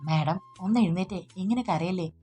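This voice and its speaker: A woman voicing a steady young man who speaks calmly and earnestly in an audiobook story. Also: on the low side, moderate pace, slightly rough, soft background music. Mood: soothing. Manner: calm, earnest, soothing.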